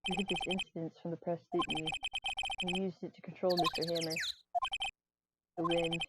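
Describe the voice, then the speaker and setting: A woman voicing a cold, scheming female film producer in quiet, low, menacing tones while reading game dialogue aloud. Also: level tone, moderate pace, heavy background noise, lightly acted. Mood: cold menace. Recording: loud game music behind.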